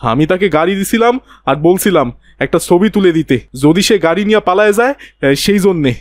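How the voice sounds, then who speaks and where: A man's voice: sits high, lively intonation, fast talker, dry recording. A man voicing a frightened poor car driver in a cartoon, pleading in rustic colloquial speech.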